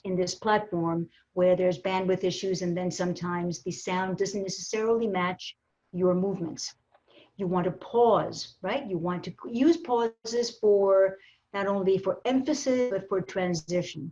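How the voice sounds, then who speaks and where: An emphatic woman leads a speaking workshop over a video call. Her pitch sits in a middle range, and she restarts phrases as she goes. The laptop audio sounds a little dull. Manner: lively, emphatic, with repeated restarts. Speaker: communication coach. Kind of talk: presenting a virtual workshop. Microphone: laptop mic on a video call.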